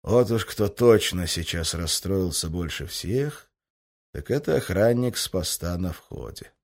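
A male narrator reads an action-packed audiobook with a fairly low voice. His delivery is brisk and tense, carrying the action forward. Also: expressive. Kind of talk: scripted narration.

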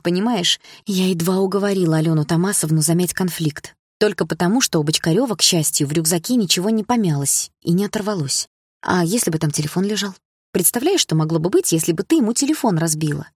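A woman voicing a caring female homeroom teacher who talks softly and pleadingly in an audiobook. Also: fairly low pitch, slightly rough, no room sound, clean studio sound. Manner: soft, pleading. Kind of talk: audiobook character voice.

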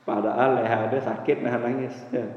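Lively male teacher in an echoey hall. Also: mid-range voice, moderate pace, muffled recording. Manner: lively, joking, rising sharply on questions. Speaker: religious teacher. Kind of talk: casual classroom lecture on Arabic rhetoric.

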